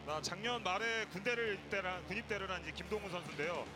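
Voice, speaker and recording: A man with a high voice gives motorsport commentary. His delivery is rapid, and loud music plays behind him. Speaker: motorsport commentator, former racing driver. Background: loud music bed.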